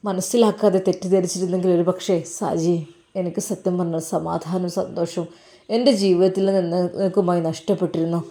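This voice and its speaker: A woman voicing a young husband, speaking low, tender and earnest. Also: steady tone, a little fast, warm tone, close to an everyday voice. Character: young husband, warm and lovingly forgiving.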